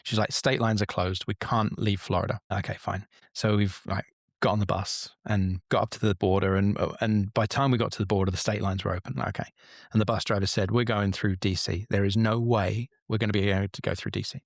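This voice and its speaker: English guy in his 40s, lowish voice, rambling candid story, swears a bit, dry close mic. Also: level tone, a little fast, creaky, no echo. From England. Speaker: podcast guest. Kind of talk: casual storytelling.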